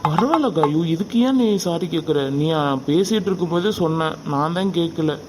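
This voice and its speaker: A man voicing a young man in a cartoon who reassures his friends in a relaxed, easygoing way. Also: on the high side, a little fast, over music, natural voice. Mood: reassuring. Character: young man, injured but cheerful lover. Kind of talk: cartoon voice acting.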